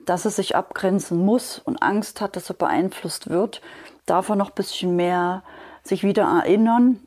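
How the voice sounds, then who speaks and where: A woman's voice: medium pitch, normal speed, a little mellow. A woman interviewer who sums up and affirms what her guest says, agreeing often. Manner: affirming and summarizing, with frequent agreement. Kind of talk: conversational interview.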